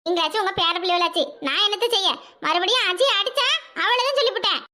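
A woman's voice: very high voice, fast talker, sharp tone. A woman voicing an angry mother in a cartoon, nagging and threatening her son. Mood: scolding. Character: angry scolding village mother.

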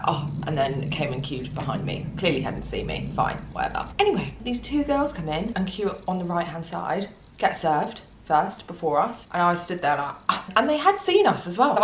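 A woman's voice: on the low side, slight background noise. Bubbly woman in a roomy kitchen. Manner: chatty, bubbly, giggly. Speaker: food vlogger. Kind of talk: casual vlog chat. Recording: roomy echo.

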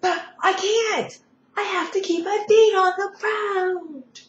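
A woman's voice: very high-pitched, steady tone, slow pace, reverberant, muffled recording, a little hiss or hum, voice pushed up. A woman voicing an anxious young boy hero with earnest, emotional cries.

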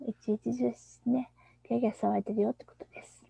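Soft-spoken gravelly woman teaching a song. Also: fairly high pitch, level tone, no room sound. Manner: soft, often whispered explanations; slow, deliberate English reading. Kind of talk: screen-shared lesson on a children's song.

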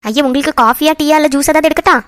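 A woman voices a fretful cartoon mother, high-pitched and quick. She frets and pleads over her son's marriage, always pressing. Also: no room sound, studio quality, lightly acted. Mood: hospitable. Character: middle-aged mother, anxious and emotional.

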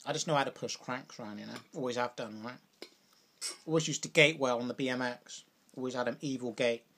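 A man's voice: mid-range voice, fairly quick, a bit bright. A young British man vlogging over a meal, rambling casually with lots of "like" and "you know". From Britain. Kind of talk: casual chat while eating.

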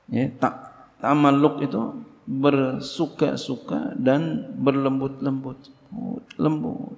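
A middle-aged man teaches a religious book lesson. His delivery is lively and theatrical, jumping sharply up in pitch to make a point. His voice sits at an ordinary middle pitch and trails off into a long hall reverb. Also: takes it slowly, vocal fry. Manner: animated, acts out quoted dialogue, big pitch leaps. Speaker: Islamic teacher.

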